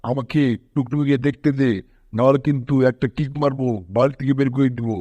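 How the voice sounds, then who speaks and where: A man's voice: medium pitch, flat delivery, a little fast, darkish tone, dry recording, close to an everyday voice. A man voicing a bossy male bulldog in a cartoon dub, who scolds the cat and coos over a baby. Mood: scolding. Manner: scolding, then cooing baby talk.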